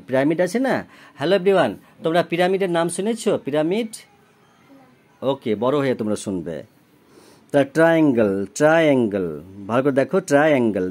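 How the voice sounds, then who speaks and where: A man's voice: fairly high pitch, darkish tone. A man, tutoring a child in a recorded homework lesson. He spells words letter by letter, gives their meanings, and keeps asking whether the child understands. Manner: often checks understanding with questions.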